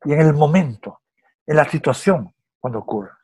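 A man's voice: a little high, lively intonation, moderate pace, darkish tone, slightly rough. A man with a Venezuelan accent in casual film chat, hesitant and repeating words as he tells stories.

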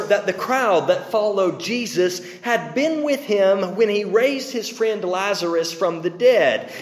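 A male preacher with a fairly high voice delivers a slow, dramatic sermon, rising to loud declamation and dropping to hushed low tones. His voice rings out through a large, roomy hall with long reverb.

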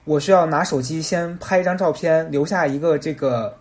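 A man co-hosting a podcast, retelling anecdotes in a relaxed, casual chat and voicing the people in them. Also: on the high side, moderate pace. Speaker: podcast co-host.

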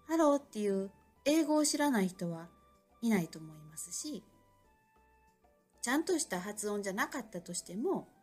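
A woman's voice: mid-range voice, warm tone, husky. A middle-aged woman with an Osaka accent, an English school owner hosting a casual solo talk, chatty and reflective with many fillers. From Japan.

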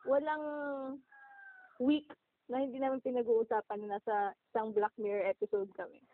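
Giggly young woman from the philippines, high-ish voice, dry tinny phone line. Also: normal speed, dry recording. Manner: giggly, chatty. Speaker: podcast co-host. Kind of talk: casual chat. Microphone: phone call.

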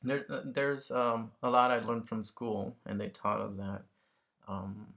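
A man's voice: lowish voice, little pitch movement, measured pace, creaky, a bit bright. A man from Mexico talking casually and reflectively as a guest, searching for words and checking in with the listener. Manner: tentative, searching for words, often tags statements with "right?". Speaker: interview guest.

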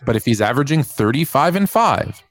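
A man's voice: medium pitch, sing-song, a little fast. A man on a debate panel making his case emphatically, talking over the others. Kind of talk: heated debate.

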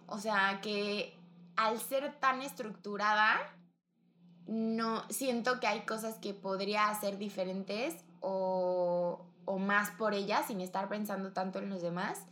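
A woman's voice: medium pitch, a bit bright. A young woman with a Mexican accent, talking bluntly and casually about her friend, using lots of slang. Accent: Mexican Spanish. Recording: echoey room with faint background noise.

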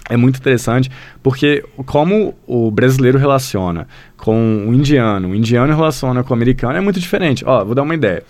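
A man's voice: mid-range voice, lively intonation, fast, hardly any pauses, darkish tone, dry recording. A man with a Brazilian Portuguese accent, a language school founder, who talks as a podcast guest. He tells stories in a rambling way, uses many fillers, and often addresses the listener directly. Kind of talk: casual podcast conversation.

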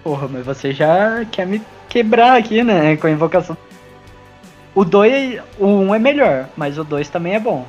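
A man's voice: high-pitched, animated, normal speed, a little mellow, dull audio, faint music behind. A man, co-hosting a podcast in casual chat, laid-back and swearing often while joking. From Paraná, Brazil. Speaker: podcast co-host.

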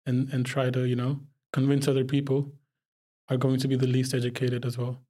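A man's voice: medium pitch, monotone, brisk, mellow. A young man from Pakistan, a podcast guest talking casually and reflectively, often breaking into laughter. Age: young adult. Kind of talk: casual conversation.

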